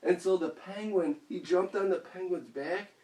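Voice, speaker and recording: A man's voice: high-pitched, moderate pace, a little mellow. A father improvising a playful, rambling bedtime story at home, often laughing as he goes. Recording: roomy echo, mic far off, faint hiss.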